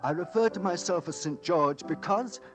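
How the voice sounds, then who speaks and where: An actor playing a small stooped occultist in a 1940s radio drama, solemn, self-important and deliberately dramatic. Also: male voice, a little high, natural voice. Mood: solemn, fervent. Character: small stooped occultist, solemn, theatrical crusader against evil. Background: music.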